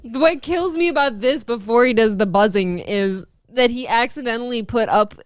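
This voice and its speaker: A woman's voice: a little high, moderate pace, clear, resonant tone, no room sound, clean studio sound. A woman co-hosting a podcast, casually and wryly teasing as she comments on a clip. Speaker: podcast co-host.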